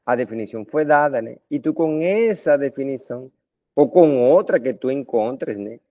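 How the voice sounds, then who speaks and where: A middle-aged Colombian math lecturer, Spanish-accented and middling in pitch, keeps an animated, moderate pace. He chats informally with his students, peppering his talk with tag questions, and the recording is close, dry and muffled lo-fi, with no room sound.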